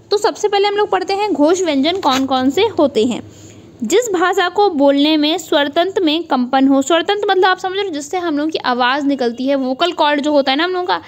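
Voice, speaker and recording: A young woman gives an online exam-prep lecture in a high voice. She turns each key point into a question for her students and answers it at once. English words slip freely into her Hindi. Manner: repeats key points as quiz questions, then answers them.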